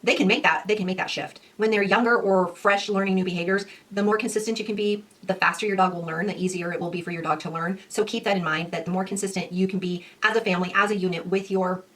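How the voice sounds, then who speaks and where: A woman dog trainer giving a casual lesson, lively, acting out owners and dogs in quick quoted voices. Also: mid-range voice, recorded from a distance. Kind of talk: casual instructional talk.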